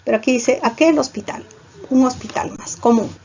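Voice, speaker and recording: A woman's voice: sits high, moderate pace, darkish tone, breathy edge. A woman teaching a class, explaining each point step by step and checking in with her students. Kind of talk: online class lecture. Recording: dull lo-fi recording.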